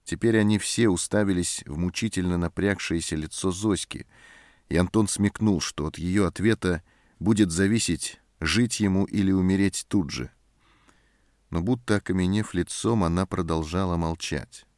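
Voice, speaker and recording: A man reading a story aloud in calm, measured scripted narration. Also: low voice, no room sound, clean studio sound. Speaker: audiobook narrator. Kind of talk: scripted narration of a war novel.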